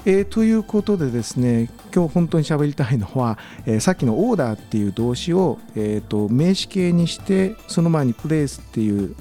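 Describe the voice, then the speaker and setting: A man lecturing on business in a radio talk, relaxed and full of fillers, slowing down to sound out examples. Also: a little high, soft background music. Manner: relaxed, many fillers, slow careful English examples. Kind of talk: radio lesson chat.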